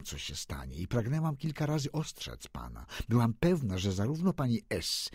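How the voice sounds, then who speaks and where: A man voicing a tender, distressed young noblewoman in an audiobook, with an earnest, pleading delivery and a husky voice. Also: on the low side, a little mellow, no room sound, clean studio sound, exaggerated voice.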